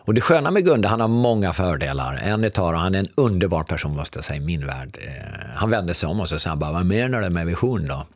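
A middle-aged man telling a long anecdote in a relaxed chat, acting out the lines of the people in it. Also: sits low, hardly any pauses, no echo, clean studio sound. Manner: animated anecdote teller acting out dialogue. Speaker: podcast guest. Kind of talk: storytelling in casual conversation.

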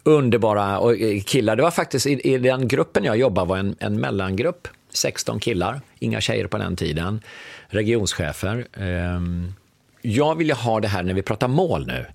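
His voice sits on the low side and is creaky, with no echo. The guest, a man in his fifties who used to be a business consultant, tells a conversational story and animatedly performs the quoted lines.

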